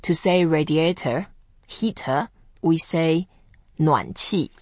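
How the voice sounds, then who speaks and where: A woman's voice: sits low, darkish tone, no room sound, dull audio. Woman from Taiwan teaching Chinese. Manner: slow, careful pronunciation drills. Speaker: Chinese language teacher and host. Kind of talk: scripted language lesson podcast.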